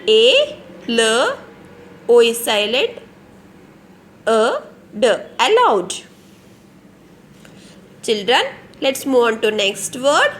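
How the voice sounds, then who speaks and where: Slow-speaking Indian teacher woman. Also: on the high side, fairly bright tone. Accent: Indian English. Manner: slow and repetitive, asking children questions and answering them herself. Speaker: kindergarten teacher. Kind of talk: online phonics lesson.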